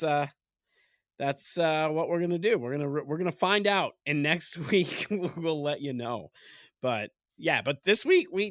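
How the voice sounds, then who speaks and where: A man co-hosts a comedy podcast, rambling casually with lots of fillers and laughing often. His voice is on the high side and a bit bright, captured in studio-quality audio with no echo.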